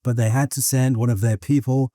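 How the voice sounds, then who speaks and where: A man's voice: mid-range voice, steady tone, fairly quick, mellow, no echo, studio quality. An older man hosting an interview, chatting and telling anecdotes. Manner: chatty anecdotes with laughs and quoted voices. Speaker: podcast host. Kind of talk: conversational interview.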